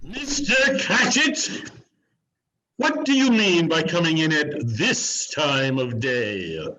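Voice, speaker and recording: An actor playing Ebenezer Scrooge, an old miser turned repentant and giddy, in a theatrical radio play with stammering repetitions. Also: male voice, fairly high pitch, sing-song, slow, sharp tone, exaggerated voice, rough recording. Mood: mock stern. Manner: melodramatic, breathless stammering repetition.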